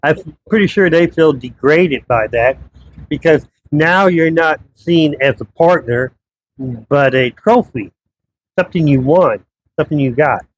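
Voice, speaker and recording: A man's voice: on the high side, measured pace, a little hiss or hum, rough recording. A man in his fifties telling personal stories in a rambling, casual vlog monologue from his townhouse. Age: 50s. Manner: rambling, conversational storytelling. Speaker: vlogger.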